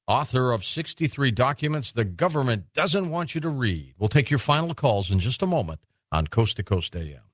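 A man's voice: mid-range voice, fairly bright tone, dry recording. A man hosting a late-night radio talk show, friendly and affirming with his guest. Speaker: radio host. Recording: dry studio mic.

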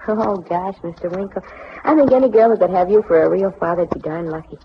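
A woman's voice: fairly low pitch, a little fast, a little hiss or hum, lightly acted. A woman playing a dreamy, folksy young woman. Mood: wistful. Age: young adult. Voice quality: folksy, homespun talk. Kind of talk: 1940s radio acting. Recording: dull 1940s radio recording.

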